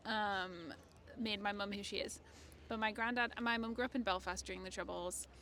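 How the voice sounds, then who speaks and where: A woman's voice: mid-range voice, vocal fry, sharp tone. A young English woman from the northeast of England, chatting and laughing in a casual street interview. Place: city street outdoors.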